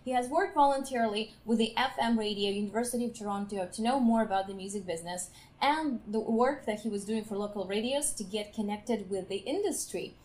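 A woman's voice: medium pitch, fairly quick, darkish tone. A woman hosting a podcast, reading out her guest's introduction in an upbeat way and laughing often. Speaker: podcast host.

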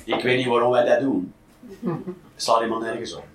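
A man's voice: medium pitch, brisk, a crowd in the background. A man doing a blunt, profane stand-up comedy routine, in an echoey, distant live recording.

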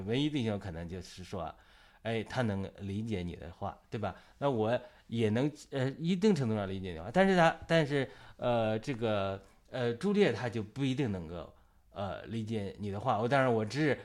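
A man hosting a casual church discussion, talking in long rambling stretches full of fillers and restarts. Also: medium pitch. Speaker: host of a church talk show.

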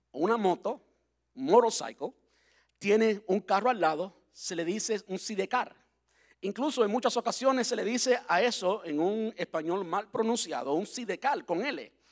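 A man's voice: high-pitched, expressive, unhurried. A man from Cuba who speaks, preaching as a pastor in a chatty, playful way and spelling words out letter by letter. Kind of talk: sermon.

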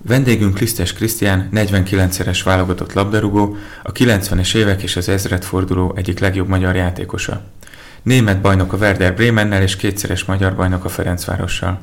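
A man's voice: deep voice, little pitch movement, gravelly. A man hosting a podcast, presenting and putting questions to a guest. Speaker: podcast host. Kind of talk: scripted introduction and interview questions.

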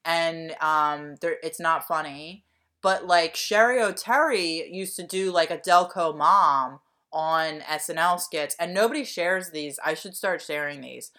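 A woman with a softened Delaware County accent chatting casually, rambling with many fillers. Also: low voice, a little slow. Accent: Delaware County, Pennsylvania, softened. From Delaware County, Pennsylvania. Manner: rambling, full of "like" and "um". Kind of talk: casual chat.

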